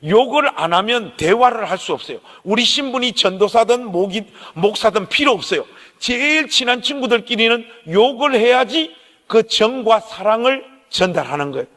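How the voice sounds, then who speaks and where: A middle-aged man with a Gyeongsang Korean accent, preaching a sermon and telling stories straight to the congregation in an animated way. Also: very high voice, normal speed. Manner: animated storyteller, addresses the congregation directly. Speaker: pastor. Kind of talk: Korean dawn-service sermon with storytelling. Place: church sanctuary. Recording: long church hall reverb.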